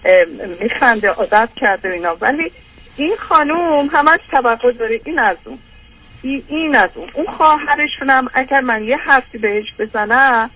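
A woman's voice: sits high, animated, pushed and bright, slightly rough, poor audio. An older woman calling in, rambling through an aggrieved personal complaint with many hesitations.

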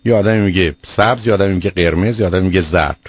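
A man's voice: low-pitched, husky, dry recording. A man hosting a call-in advice show on the radio, firm and lecturing, cutting in on the caller. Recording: dull lo-fi radio broadcast.

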